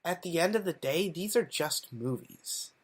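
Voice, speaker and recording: A man's voice: a little high, animated, measured pace, breathy edge. A man co-hosting a podcast in casual chat, hesitant and full of ums and you-knows. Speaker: podcast co-host.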